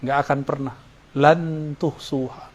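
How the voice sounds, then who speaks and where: A man preaching a study sermon in a relaxed, joking way, quoting Arabic verses and chuckling between points. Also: fairly high pitch, a little slow. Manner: casual, joking asides, chuckles; quotes Arabic verses with religious terms.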